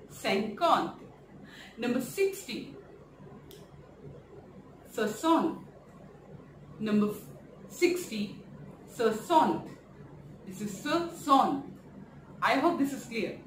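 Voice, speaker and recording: An Indian woman teaches a French lesson in a higher voice, mixing Hindi and English and drilling each number slowly. The sound is roomy and echoey, with faint noise behind her. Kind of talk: recorded language lesson.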